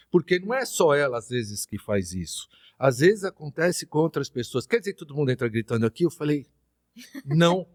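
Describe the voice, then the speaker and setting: A middle-aged man with a Brazilian accent talks as a podcast guest at a moderate pitch. He tells his story in a lively, anecdotal way and slips into the voices of the people he quotes. The sound is close and dry, with no room echo. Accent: Brazilian Portuguese. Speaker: interview guest.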